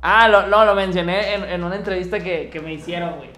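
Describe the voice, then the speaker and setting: A man's voice: sits high, fairly even intonation, fast, pushed and bright. A young man with a Mexican Spanish accent, co-hosting a podcast and telling a story in casual, slangy chat, acting out the quotes. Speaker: podcast co-host.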